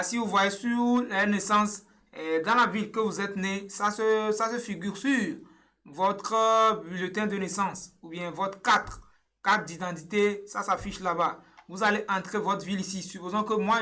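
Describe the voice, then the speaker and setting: Bright-voiced young man explaining patiently. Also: high voice. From Togo. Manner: patient, repetitive step-by-step explaining with frequent hesitations. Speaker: online tutorial presenter. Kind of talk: screen-share tutorial walkthrough.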